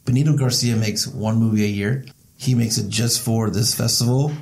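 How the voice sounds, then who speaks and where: A man's voice: mid-range voice, steady tone, normal speed, darkish tone. A man co-hosting a casual podcast in an echoey basement, informal and loose with swearing. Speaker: podcast co-host. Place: theater basement.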